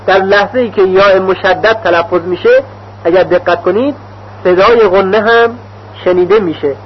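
Measured male tajwid teacher, high voice. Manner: measured, deliberate, drawn-out demonstration of syllables. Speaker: Quran recitation teacher. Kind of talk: slow instructional explanation with recited examples. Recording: dull lo-fi recording with faint hum.

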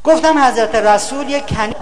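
High-voiced man giving a humorous lecture. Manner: storytelling, mimicking others for laughs. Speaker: public speaker.

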